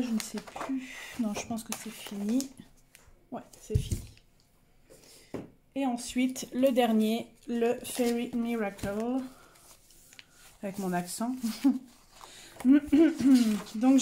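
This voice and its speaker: A woman's voice: fairly high pitch, dark tone, a little hiss or hum. A young woman casually showing her coloring pages, chatty and hesitant, with many fillers and self-corrections. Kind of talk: casual show-and-tell.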